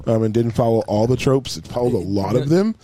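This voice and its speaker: A man's voice: medium pitch, fairly quick, mellow. A man co-hosting a casual movie podcast, rambling and repeating himself with casual swearing. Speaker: podcast co-host. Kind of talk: casual movie review chat.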